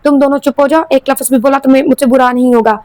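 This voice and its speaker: A woman's voice: sits high, steady tone, a little mellow, no room sound, close to an everyday voice. Stern family patriarch, older man, in an audio novel, read by a woman. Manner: commanding and stern. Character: stern old grandfather, head of family.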